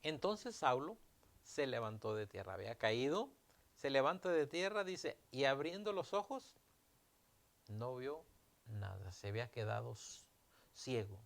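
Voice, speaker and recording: Male pastor, gravelly mid-range voice, preaching with emphatic swells. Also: mid-range voice. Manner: preaching with emphatic rises, retelling scripture dialogue. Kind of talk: sermon.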